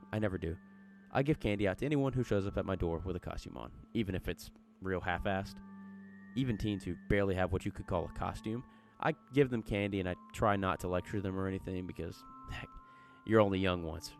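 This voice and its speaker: A man's voice: deep voice, brisk, vocal fry, a little hiss or hum. A man reading a horror story aloud in a folksy, chatty storytelling manner. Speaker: narrator.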